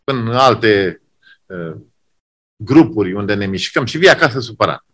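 A man preaching a sermon, swinging between loud exclamations and hushed emphasis, repeating key phrases. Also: fairly low pitch, big pitch swings.

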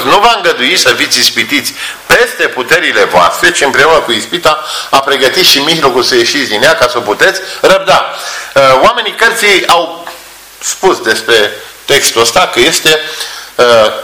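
A male preacher giving a sermon in a church hall, telling stories and acting out voices. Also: medium pitch. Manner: animated storytelling, acts out voices. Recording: roomy echo.

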